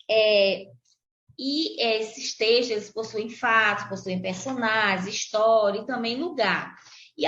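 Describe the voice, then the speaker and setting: A woman's voice: fairly high pitch, a bit bright. Brazilian teacher woman, roomy lo-fi sound. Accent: Brazilian Portuguese. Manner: slow, deliberate pronunciation of example words. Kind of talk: recorded classroom lesson for children. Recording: roomy, dull lo-fi recording.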